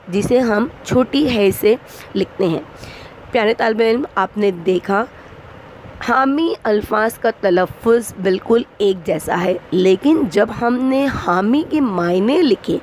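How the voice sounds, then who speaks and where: Teacher woman spelling out words slowly. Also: medium pitch, a little hiss or hum. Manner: slow, explanatory, spells out words letter by letter. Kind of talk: online grammar lesson.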